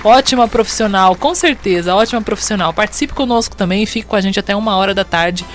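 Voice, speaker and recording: Fast-talking radio hostess with an under-the-weather voice. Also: female voice, medium pitch, animated, slight background noise. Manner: chatty, informal, checking with "né". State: under the weather, voice off and monster-like as self-described. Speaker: radio host. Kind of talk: live radio interview and listener greetings.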